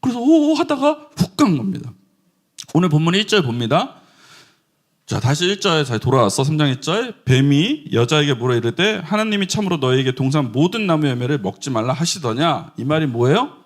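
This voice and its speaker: Animated preaching man, lively pitch. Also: brisk. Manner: animated, acts out quoted voices and shouts. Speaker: pastor. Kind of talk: sermon. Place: church sanctuary.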